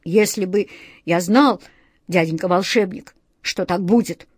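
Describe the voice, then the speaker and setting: A woman's voice: on the low side, unhurried, slightly rough, dry recording, clean studio sound. A woman voicing an upset young boy near tears, speaking in a shaky voice. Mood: hurt. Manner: shaky, tearful voice.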